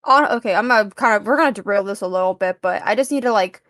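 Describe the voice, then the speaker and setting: A woman's voice: medium pitch, fast talker, a bit bright, no room sound, studio quality. A woman co-hosting a podcast, chatting eagerly about films with lots of fillers. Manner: chatty, enthusiastic, many fillers. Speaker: podcast co-host. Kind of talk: casual film discussion.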